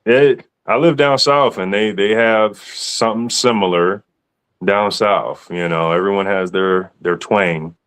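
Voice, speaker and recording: A man hosts a relaxed podcast chat. His voice sits low. He teases and jokes with slangy, playful phrasing. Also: measured pace, clear, resonant tone. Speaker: podcast host. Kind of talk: casual chat.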